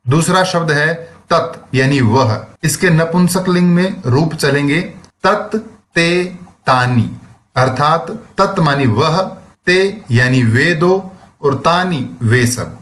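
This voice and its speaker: Slow-paced man teaching a lesson. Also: on the high side, expressive, fairly bright tone. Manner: slow, explains word by word with translations. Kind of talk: recorded classroom lesson.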